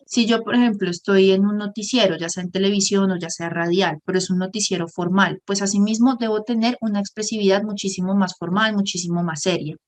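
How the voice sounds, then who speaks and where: A woman, teaching a workshop lesson on speaking skills in an explanatory way, often pausing to give examples. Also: medium pitch, fairly even intonation. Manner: explanatory, often pauses on "por ejemplo". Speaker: communication workshop instructor. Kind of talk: online lesson.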